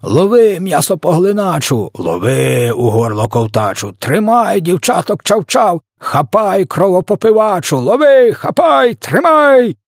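Cruel, rowdy man-eating giants hollering their taunts in a storybook reading, as a man puts them on. The yells jump way up in pitch and loudness with a husky grain. Dry and close, nothing behind. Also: sing-song, unhurried, hardly any pauses, no room sound, exaggerated voice. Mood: jeering shouts. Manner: bellowing taunts at a high pitch. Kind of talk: audiobook reading.

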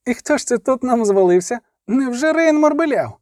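A man's voice: extremely high pitch, takes it slowly, no room sound, studio quality, voice pushed up. A man doing a mocking teenage noble boy.

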